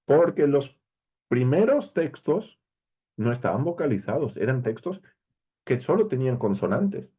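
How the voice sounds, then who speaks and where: Man with a Spain Spanish accent, Bible teacher, lively intonation, mellow tone. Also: mid-range voice, unhurried, slightly rough, muffled recording. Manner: explanatory, animated, addresses viewers directly. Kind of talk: verse-by-verse Bible study lesson.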